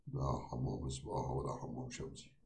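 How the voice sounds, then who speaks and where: Recorded from a distance by a webcam at desk distance, this deep-voiced Kurdish man in his 40s, native to Kurdistan and a first-language Kurdish speaker, teases strangers with quick-fire questions as a prank video-chat host. His tone is level and mellow, his voice off mic in an echoey small room with bare walls, and there is slight background noise.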